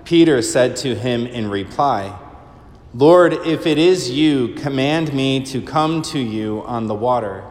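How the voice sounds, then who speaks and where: A priest reading the gospel aloud in a slow, measured liturgical manner, his voice ringing with cathedral echo. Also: medium pitch. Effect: cathedral echo, long church reverb. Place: large church. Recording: echoey church hall, long reverb.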